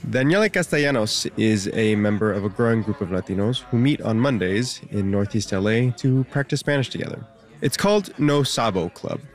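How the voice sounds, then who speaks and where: A man reporting a public radio news feature in a lively, conversational way, quizzing the listener. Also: on the low side, brisk.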